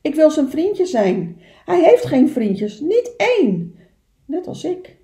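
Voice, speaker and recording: A woman doing a little storybook beaver boy, pitched way up high and bouncing all over the place. He asks everything with eager, wide-eyed excitement, and the sound carries an echoey room. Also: takes it slowly, full character voice. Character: small eager young male beaver.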